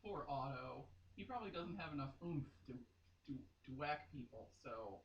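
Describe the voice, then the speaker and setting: Here a woman's rumbling low voice moves at a moderate pace, expressive as she hams up a romance novel reading. Her giggly, exclaiming asides keep it casual and theatrical. The lo-fi recording comes from a distant mic in an echoey room, with faint noise underneath.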